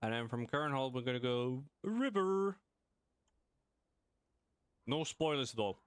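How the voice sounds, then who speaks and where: A man's voice: mid-range voice, animated, slow, clean tone, dry recording, studio quality. A man chatting casually to himself as he plays a video game on stream, with mumbled asides. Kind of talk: casual gameplay commentary.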